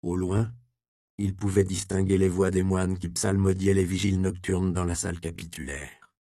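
Low gravelly male audiobook narrator. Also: no echo, studio quality. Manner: steady, measured reading. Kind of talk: scripted narration.

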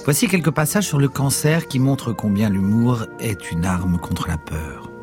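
A man narrating a documentary in a measured, formal manner. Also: medium pitch, animated, over music.

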